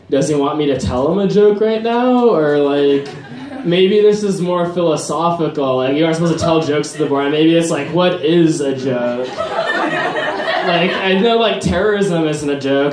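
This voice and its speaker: A man doing a stand-up comedy set, talking in a halting, deadpan way full of "like" and "um" fillers. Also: a little high. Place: comedy venue. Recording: roomy live venue echo, faint ambience.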